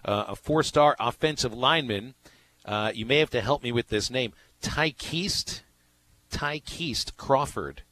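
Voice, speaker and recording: A man's voice: medium pitch, unhurried, a bit bright, low-quality recording. Man, sports radio host, rambling stories, faint background noise. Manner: rambling storyteller, many restarts. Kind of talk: casual sports talk.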